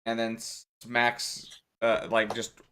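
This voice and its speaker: A young man narrating as game master of a tabletop game, talking in a halting way with many fillers. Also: mid-range voice, completely flat delivery, a bit bright, smooth.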